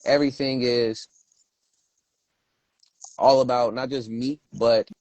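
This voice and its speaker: A man's voice: medium pitch, steady tone, slow, darkish tone, no echo, highs cut off. A man from Brooklyn hosting a casual chat, talking in laid-back street slang. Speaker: host.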